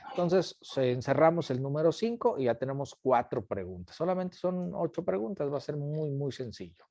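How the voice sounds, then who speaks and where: A man's voice: fairly high pitch, expressive, moderate pace, vocal fry, warm tone, no echo, studio quality. A man teaching an online class, patiently repeating each question and calling on students by name. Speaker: instructor.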